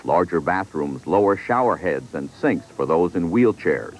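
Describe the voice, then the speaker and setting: A man's voice: deep voice, animated, normal speed, faint music behind. A man narrating a scripted news report as a reporter. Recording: clear background noise in field report.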